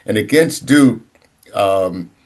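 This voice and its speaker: Lower-voiced, halting sports talk man. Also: expressive, a little mellow. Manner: halting, searching for words, many restarts. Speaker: sports podcast co-host.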